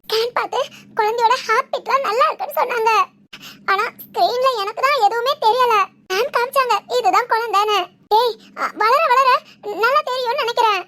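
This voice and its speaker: A woman's voice: very high voice, a little fast, bright, forceful tone. A woman playing a young pregnant wife who is overjoyed and weepy, crying and laughing as she talks. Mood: elated. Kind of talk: village family drama acting.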